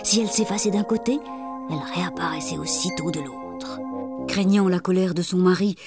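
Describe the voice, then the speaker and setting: A woman reading a fairy tale aloud in an expressive, dramatic storytelling manner. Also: lowish voice, moderate pace. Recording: music playing behind.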